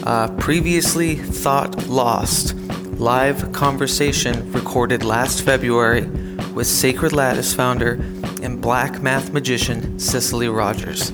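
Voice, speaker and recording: A man's voice: fairly even intonation, slow. A man hosting a podcast, eagerly announcing the episode in a poor, degraded recording. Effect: poor, degraded sound quality from computer issues. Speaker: podcast host. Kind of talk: spoken show intro. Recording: low-quality audio over loud guitar music.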